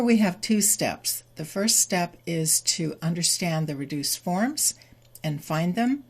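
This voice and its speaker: Slow, low-voiced woman teaching pronunciation. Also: a little mellow. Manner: spells out sounds and repeats example phrases slowly. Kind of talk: slow, deliberate teaching explanation.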